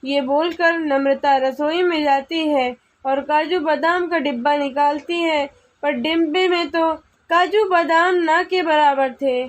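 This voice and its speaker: A woman's voice: high voice, steady tone, measured pace. A woman narrating a family storybook tale in a scripted storytelling manner.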